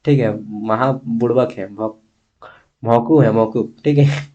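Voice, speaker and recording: This blunt, opinionated history teacher from eastern India, speaking with a Bihar-Jharkhand accent, goes over exam material informally and keeps checking that listeners follow. His medium-pitched voice is steady, mellow and unhurried, though the recording sounds muffled.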